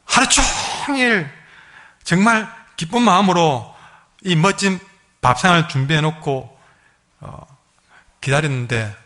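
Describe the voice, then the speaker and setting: A male pastor with a Gyeongsang accent, preaching a sermon as a lively storyteller who acts out the people in his stories. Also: a little high, a little slow, pauses often. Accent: Gyeongsang Korean. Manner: lively storyteller, acting out quoted dialogue.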